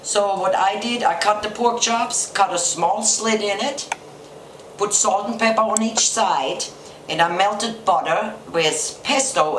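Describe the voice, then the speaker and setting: A woman with a German accent talks through a recipe one step at a time, with the odd slip in her English. Her voice sits at a middle pitch and rings off the hard surfaces of an echoey kitchen. Faint clatter of pans and stirring sits behind her. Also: fairly bright tone, slight background noise. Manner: plain step-by-step explaining with small grammar slips. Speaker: home cook. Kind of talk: cooking demonstration. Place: home kitchen.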